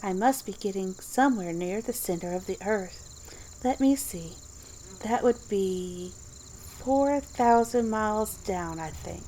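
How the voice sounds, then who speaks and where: A woman's voice: medium pitch, expressive, measured pace, dark tone, a little hiss or hum, close to an everyday voice. A woman voicing a curious young girl musing to herself in a whispered storybook reading.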